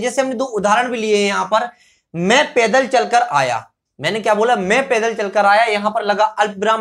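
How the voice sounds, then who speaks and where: A male teacher explains grammar, posing rhetorical questions that he then answers himself and slowly repeating example sentences. His voice is extremely high in pitch with a fairly bright tone.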